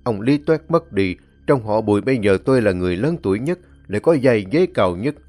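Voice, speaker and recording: A man's voice: lowish voice, expressive, brisk, a little mellow, lightly acted. A man voicing a stern, resolute elderly clan elder who speaks firmly and commandingly in a told story.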